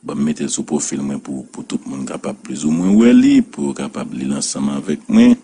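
A man's voice: extremely low pitch, very animated, a little fast, gravelly, dark tone, slightly rough. A man with a Haitian accent hosting a commentary show, talking in a sing-song way and repeating words for effect. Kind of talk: animated Creole commentary.

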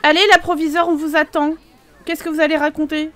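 A young woman giving chatty, excitable commentary while playing a life simulation game, laughing often and exclaiming. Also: high voice, fairly quick. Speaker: gaming video host. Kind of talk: casual Let's Play commentary.

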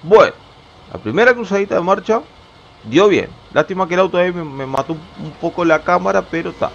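This young gaming YouTuber from Uruguay speaks with a Uruguayan Spanish accent in a high, creaky, fairly bright voice with lively intonation, going a little fast. He chats and rambles casually over a truck-driving game at home, frequently restarting words, in a slightly dull recording with faint game sounds.

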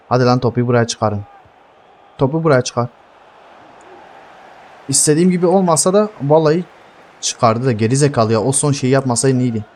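Hot-headed swearing gamer man. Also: medium pitch. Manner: heated, swears constantly, yells at teammates. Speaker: gaming streamer. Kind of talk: swearing live gameplay commentary.

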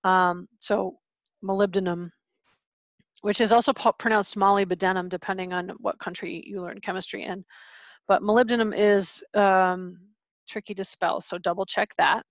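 A woman's voice: mid-range voice, steady tone, normal speed, dry recording. Casual woman teaching chemistry, dry lo-fi sound. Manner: casual, chatty explaining with fillers and asides. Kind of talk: screen-recorded lecture walkthrough. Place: home, with pet dogs.

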